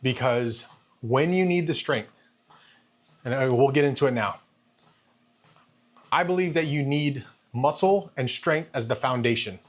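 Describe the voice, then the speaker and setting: A man in his fifties giving a casual, halting vlog monologue, thinking aloud and repeating phrases while walking on a treadmill. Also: mid-range voice. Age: 50s. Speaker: fitness vlogger.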